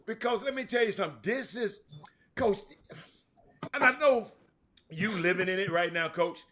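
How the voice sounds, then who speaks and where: A middle-aged man hosting a sports talk show, animated and stammering through restarts. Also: high-pitched, normal speed.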